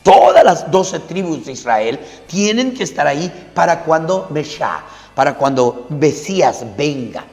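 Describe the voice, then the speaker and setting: Male pastor, sermon, lecturing, rhetorical questions, slightly high voice, long hall reverb. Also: big pitch swings, measured pace, darkish tone.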